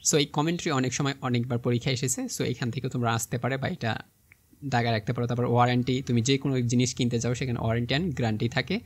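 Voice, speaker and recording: A man's voice: mid-range voice, steady tone, racing. A young man with a Bangladeshi Bengali accent teaching an exam vocabulary lesson, spelling words out step by step and checking in with his students often.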